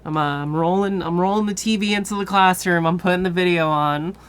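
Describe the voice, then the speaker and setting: A woman streamer chatting casually with her viewers, tired and relaxed, swearing now and then. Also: lowish voice, a little fast, clear, resonant tone. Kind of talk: casual chat with live viewers.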